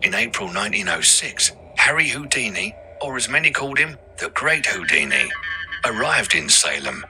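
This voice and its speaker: A man's voice: on the low side, very animated, normal speed, noisy background. A man narrating a scripted audio ghost tour as the guide, with theatrical, ominous storytelling over music.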